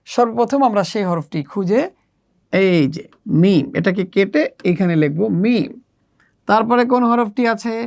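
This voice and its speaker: A woman walks children through a workbook lesson. She is patient and repetitive, and she stretches the letter names out slowly. Her voice sits at an ordinary middle pitch. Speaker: Arabic teacher for children.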